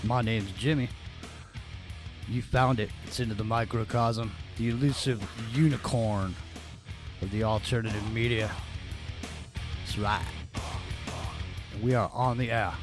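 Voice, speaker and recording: Male radio host over loud music. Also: fairly low pitch, fairly even intonation, unhurried, pauses often. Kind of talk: alternative radio show introduction. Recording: voice under loud guitar music.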